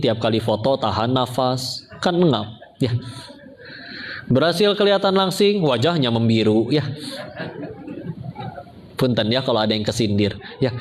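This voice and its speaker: A man's voice: medium pitch, a little hiss or hum. A middle-aged man preaching a casual sermon, telling funny stories and acting out the people in them. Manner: humorous, acts out characters in quoted dialogue.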